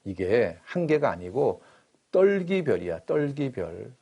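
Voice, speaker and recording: A man in a sermon voicing God as a patient, fatherly figure who explains things slowly and gently, with a husky voice. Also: mid-range voice, big pitch swings, exaggerated voice.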